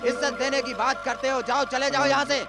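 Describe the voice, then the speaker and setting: Guy doing a proud quick-tempered village guy, ordinary pitch, bossy and forceful. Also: music in the background, close to an everyday voice. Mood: furious. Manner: forceful, commanding. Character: proud young village man, hot-tempered. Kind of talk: Hindi film dub.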